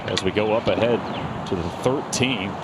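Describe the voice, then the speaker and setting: A man's voice: fairly low pitch, moderate pace, heavy background noise. A man hosting a golf broadcast with live play-by-play commentary. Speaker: lead golf broadcast host.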